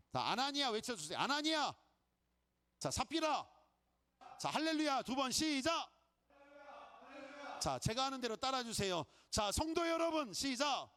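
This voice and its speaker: The congregation answers back when this middle-aged pastor, whose voice is a little high and creaky, calls out during his spirited sermon. He also performs the voices of Bible characters and of inner thoughts.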